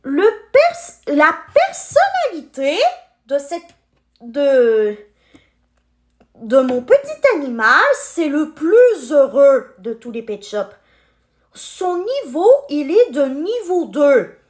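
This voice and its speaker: A woman's voice: high voice, very animated, slow pace, reverberant. A woman in her twenties chatting to her viewers while unboxing toys, friendly and talkative. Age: 20s. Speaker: unboxing vlogger.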